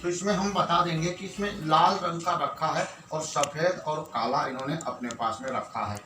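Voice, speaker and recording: Recorded from a distance in an echoey space with music behind, an Indian man with a somewhat high voice talks at a normal speed. He's a party-style magician giving a tutorial and pitching his tricks, chatting to viewers like friends as he counts aloud, says nonsense magic words, and keeps up showman patter.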